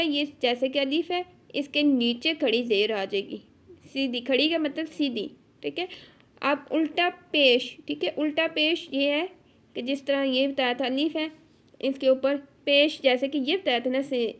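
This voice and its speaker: A woman with a Pakistani Urdu accent teaching a tajweed lesson. She explains step by step and keeps checking in with her students. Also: high-pitched. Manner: patient, explains step by step with frequent check-ins. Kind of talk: online lesson explaining rules.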